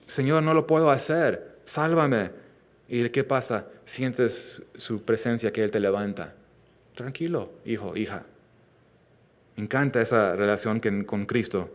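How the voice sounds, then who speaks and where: A man preaching a sermon as pastor, earnest, rising loud for emphasis and dropping soft and slow on tender lines. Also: mid-range voice. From Southern California. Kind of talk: expository sermon.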